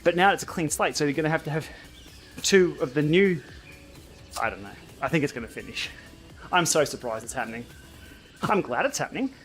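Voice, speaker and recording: A man's voice: fairly high pitch, lively intonation, a little fast, pauses often, fairly bright tone, soft background music, low-quality recording. A man hosting a casual livestream, bantering and thinking aloud as he chats during an indoor cycling game. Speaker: livestream host.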